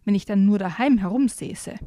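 A woman voicing a grumpy, rude male badger in a children's storybook reading, slow and snappish. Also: medium pitch, warm tone, no echo, clean studio sound, natural voice. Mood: grumbling.

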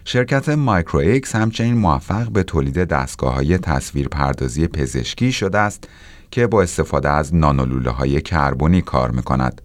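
A man's voice: a bass voice, no room sound. A man presenting technology news as scripted narration.

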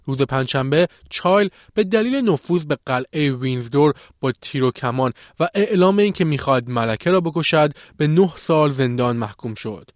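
Higher-voiced man reading news, dry sound. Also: no echo. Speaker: technology news presenter.

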